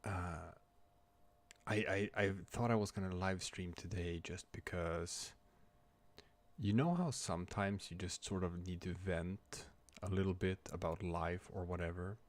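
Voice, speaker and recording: A man chatting casually on a livestream from home, talking quietly but clearly, soft and halting as if others are asleep nearby. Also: deep voice. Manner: quiet but clear, soft late-night talking to avoid waking a child; halting, hesitant. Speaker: livestream host. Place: room at home.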